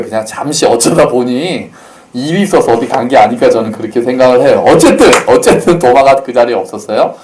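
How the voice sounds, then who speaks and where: A man's voice: medium pitch, a little mellow. A male pastor giving a conversational sermon, telling the story casually and acting out the quotes with light humor.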